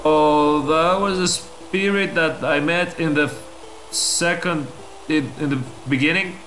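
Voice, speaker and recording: A man with a slightly high voice gives casual, excitable commentary while he plays through a game, thinking out loud. He reacts with sudden surprise. Game music plays loudly behind him. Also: a little slow, rough recording. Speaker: let's play host.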